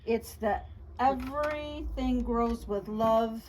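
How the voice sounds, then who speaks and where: A woman giving a casual show-and-tell tutorial on her quilting projects, chatty, talking fast and a lot with frequent restarts. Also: on the high side, a little mellow, slight background noise. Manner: chatty, talks fast and a lot, self-interrupting. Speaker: quilt shop co-owner showing projects.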